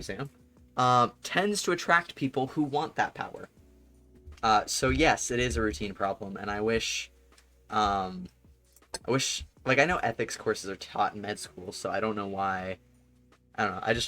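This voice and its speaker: Young dude streaming, rambly casual chat, laughs a lot, mutters to himself sometimes. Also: male voice, fairly low pitch, a bit bright. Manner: rambling and chatty, laughs often, trails off into muttering.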